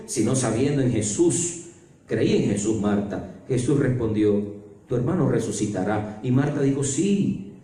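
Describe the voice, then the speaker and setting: Male pastor, sermon delivery, slow deliberate pace, heavy church echo, heard from a distance. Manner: preaching with sweeping swings from low murmurs to loud climaxes. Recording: very echoey church hall, mic at a distance.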